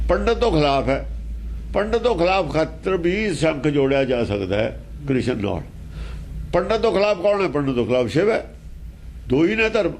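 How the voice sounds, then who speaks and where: A man's voice: a little high, darkish tone, a little hiss or hum. A man teaching scripture in an emphatic, argumentative way, asking pointed rhetorical questions. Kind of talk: explaining scripture verse by verse.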